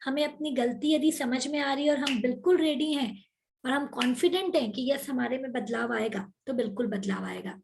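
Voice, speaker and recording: A woman hosting an online motivational workshop over a video call, energetic and coaxing, mixing English words into her Hindi. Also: sits high, moderate pace, vocal fry.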